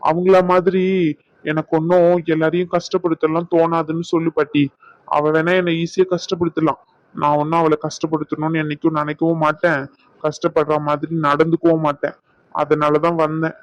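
A man's voice: a little high, level tone, moderate pace, dry recording, natural voice. A man voicing an exasperated young husband, a doctor, who pleads and complains to his grandmother about his wife. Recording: dull lo-fi.

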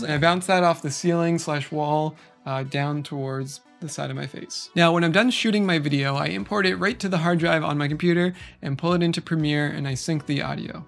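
A young man filming a casual vlog at home, walking through his camera setup in a relaxed, chatty way. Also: on the high side, creaky. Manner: relaxed, chatty, explains gear step by step. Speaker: YouTuber. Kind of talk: casual gear walkthrough vlog. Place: home room by a noisy computer. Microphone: studio microphone into computer.

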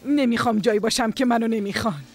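A woman's voice: fairly high pitch, steady tone, lightly acted. A woman dubbing a wounded, proud mother. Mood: hurt. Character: older mother, hurt and proud. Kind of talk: Persian dubbing of a drama series.

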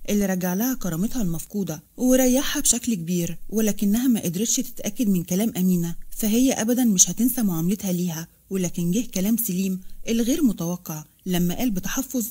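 A woman's voice: medium pitch, quick pace, mellow, breathy edge. A woman with an Egyptian accent narrating a romance novel. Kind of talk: story narration.

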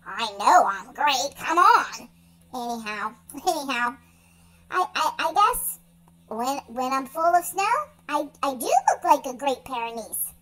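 A woman's voice: sits high, a bit bright, full character voice, rough recording. A woman voicing a naive, sweet-natured young male dog who rambles earnestly and stammers over his words. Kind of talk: pet voice-over monologue.

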